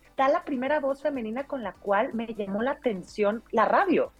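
A woman's voice: fairly high pitch, normal speed, husky, muffled recording, soft background music. A woman with a Mexican accent, a radio announcer, telling a childhood story in a casual interview, peppering her talk with tag questions. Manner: lively anecdotal telling, frequent "o sea" and "¿no?" tags.

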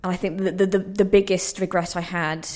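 Speaking fairly low and flat with a darkish tone, a young playwright gives brisk yet hesitant answers in an interview. She comes across as reflective, thoughtful, and self-deprecating.

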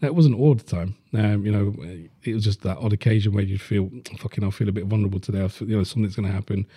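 A man's voice: lowish voice, steady tone, racing, warm tone, slightly rough, no room sound, clean studio sound. A man, chatting bluntly on a podcast and swearing freely. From Leicester, England. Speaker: podcast host. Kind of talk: casual chat.

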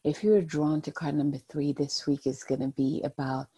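A host giving a spiritual card reading and guided meditation in a soft, soothing, breathy, husky voice. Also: mid-range voice, level tone, normal speed. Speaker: host, oracle card reader.

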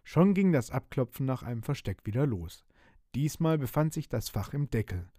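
Male storyteller for a children's pirate tale, animated, dry studio read. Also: mid-range voice, moderate pace, dry recording. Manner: lively, expressive, voices the characters. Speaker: narrator. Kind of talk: storybook reading.

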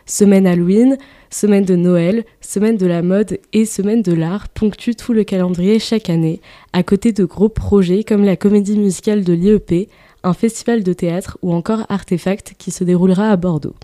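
A woman's voice: medium pitch, fairly even intonation, moderate pace, warm tone, no room sound. Young woman reading a dry, upbeat statement. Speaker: student association co-president.

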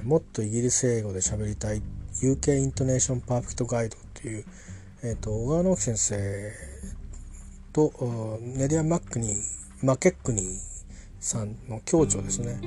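A man's voice: medium pitch, dark tone. A man talking casually about a pronunciation book, rambling and often correcting himself with many fillers. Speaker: English pronunciation learner reviewing a book. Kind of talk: casual spoken book review.

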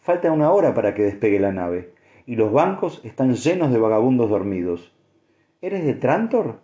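A man's voice: big pitch swings, normal speed, dark tone, muffled recording, close to an everyday voice. A man voicing a plump, motherly older farm woman who scolds her husband and fusses kindly over a girl, in an audiobook. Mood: fussing. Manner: scolding yet tender, higher-pitched. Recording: echoey room.

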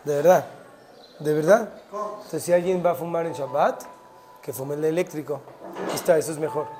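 A Torah teacher giving a short talk, animated, mixing in Hebrew terms and acting out little dialogues. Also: medium pitch, a little fast, a crowd in the background.

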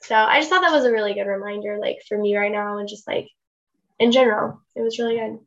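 A woman's voice: medium pitch, fast, vocal fry, a bit bright. Young female co-host, casual chatter, filler-heavy, muffled recording. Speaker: podcast co-host. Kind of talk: casual chat.

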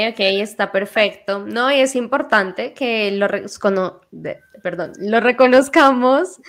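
A woman's voice: medium pitch, a bit bright. A woman hosting a podcast, reflective and steering the conversation in casual chat. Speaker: podcast host.

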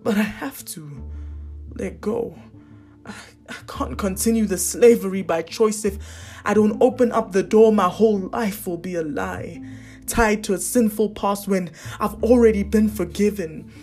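A woman performing a spoken word poem in an intense, dramatic way, slowing to hushed line endings. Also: mid-range voice, faint music behind.

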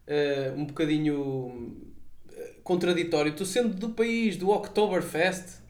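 A man's voice: on the high side, a little slow, a little mellow. A man with a European Portuguese accent, co-hosting a casual chat in an echoey room. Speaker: podcast co-host. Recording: echoey room, faint music.

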